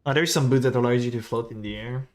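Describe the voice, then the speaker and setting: A man with a French accent talks casually while he streams a game. He thinks out loud, mutters half to himself and breaks off to answer his chat. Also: medium pitch, quick pace.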